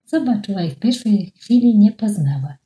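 A woman's voice: medium pitch, lively intonation, normal speed, warm tone. A woman reading a children's story aloud in a rhythmic, rhyming way, in an echoey room.

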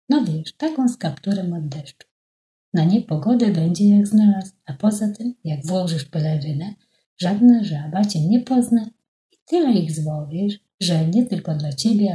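A woman's voice: on the low side, dark tone, natural voice. A woman doing a know-it-all owl. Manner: lecturing, matter-of-fact. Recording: echoey room.

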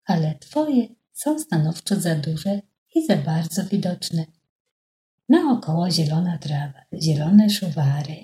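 A woman's voice: fairly low pitch, mellow. A woman doing a know-it-all owl. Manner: lecturing, matter-of-fact. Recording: echoey room.

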